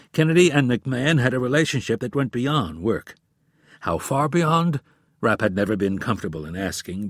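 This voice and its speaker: A man reading a thriller novel aloud in a measured, even narration. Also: on the low side, dry recording, studio quality. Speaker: audiobook narrator.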